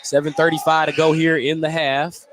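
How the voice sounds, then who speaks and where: A man calls live basketball play-by-play on the radio from an indoor gym during a game, describing the action in short, clipped phrases. His voice is fairly high and level, at a moderate pace, and the broadcast carries the noise of the live venue.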